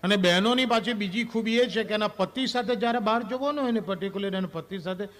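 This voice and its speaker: A man with a high, fairly bright voice performs a quick-paced stand-up monologue on stage, chatting directly with the audience and acting out scenes from married life.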